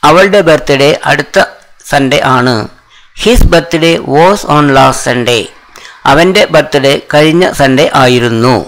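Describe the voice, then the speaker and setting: A man with a Malayali accent teaching English, reading each sentence slowly, then giving its translation a little faster. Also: on the high side, a bit bright, low-quality recording. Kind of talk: slow sentence drill with translations.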